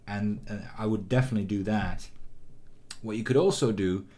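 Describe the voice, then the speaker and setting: Calm, low-voiced animation instructor. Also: male voice, moderate pace, slight background noise. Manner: calm, encouraging, many fillers. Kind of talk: recorded critique of student work.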